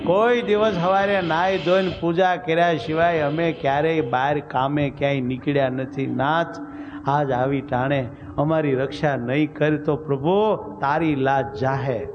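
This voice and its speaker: A devout young wife cries out a pleading prayer, her voice lifted higher than the storyteller's usual tone, as a man puts her on. The delivery is slow and drawn-out, and faint noise sits behind it. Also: fairly even intonation, dull audio, natural voice. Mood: desperate.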